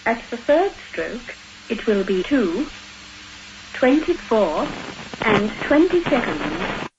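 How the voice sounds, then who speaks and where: Female speaking-clock announcer; high, slow, stitched-together phrases on a dull, noisy phone recording. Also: sing-song. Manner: spliced-together words and phrases. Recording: noisy, band-limited old telephone line recording.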